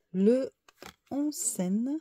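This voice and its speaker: A woman who reads oracle cards, slowly listing the card names one by one and unsure how to say some of them. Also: a little high, a bit bright, husky, no echo, clean studio sound. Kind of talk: slow card-deck walkthrough.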